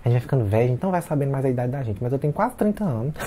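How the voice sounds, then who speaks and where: Speaking rapid-fire in a sing-song, mellow mid-range voice, a man in his late twenties vlogs directly to his audience, keeps addressing them as "gente," and holds them in the conversation the whole time. It's a casual chat to camera with a little hiss or hum.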